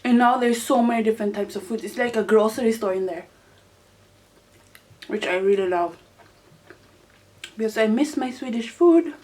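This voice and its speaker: A young woman hosting a casual mukbang, chatting excitably to viewers as she eats. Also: on the high side, fast talker, few pauses. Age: teenager to young adult. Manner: excitable, exclaiming, talking to viewers while eating. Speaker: mukbang host. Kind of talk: casual mukbang eating chat to camera.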